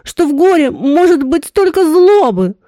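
A woman's voice: high-pitched, big pitch swings, unhurried, dark tone, dry recording, clean studio sound, voice pushed up. A woman voicing a grief-stricken, guilt-ridden married woman, delivered in an emotional, pleading way. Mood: anguished.

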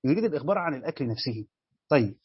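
A man's voice: medium pitch, expressive, very fast, breathy edge, dry recording. A man with an Egyptian accent teaching Quran commentary in a colloquial lecture, posing questions and answering them himself. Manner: explanatory, asks and answers his own questions. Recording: dull, dry lo-fi recording.

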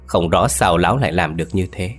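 A man voicing a scheming old male sorcerer in an audio story, with a deep, husky voice. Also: a little fast, soft background music. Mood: boastful. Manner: boastful, then pleading.

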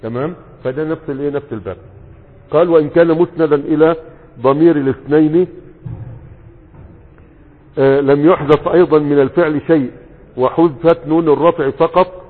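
Egyptian sheikh teaching grammar, echoing hall. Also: male voice, fairly high pitch, steady tone, slightly rough. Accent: Egyptian Arabic. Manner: asks questions and answers them himself, drawls example words slowly. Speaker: sheikh teaching Arabic morphology. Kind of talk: classroom lesson. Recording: phone-like sound with long reverb.

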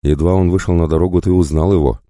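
A man's voice: deep voice, fairly even intonation, fast, warm tone, no room sound, studio quality, pitched above the performer's own voice, lightly acted. A man voicing a young prince, bitter and cold in his anger. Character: young boy prince, proud and vengeful.

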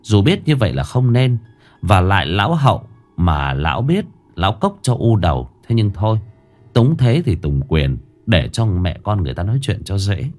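A man narrating a ghost story in an expressive storytelling manner. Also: fairly low pitch, moderate pace, soft background music.

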